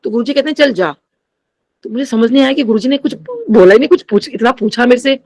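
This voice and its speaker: A woman's voice: a little high, racing, darkish tone. A middle-aged woman sharing a spiritual testimony with a congregation. She addresses them often and mixes English phrases into her Hindi.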